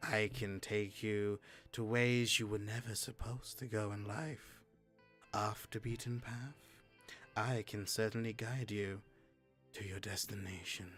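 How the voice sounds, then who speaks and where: A man voicing a sly, courtly skeleton guide of the dead, in a slow, hushed, insinuating murmur. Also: lowish voice, fairly even intonation, faint music behind. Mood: sly, inviting.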